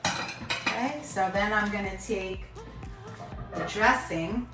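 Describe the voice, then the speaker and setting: In a kitchen, a woman hosts a casual cooking show, walking through each step in a medium-pitched, slow voice. The mic sits far off in an echoey room, with background music playing.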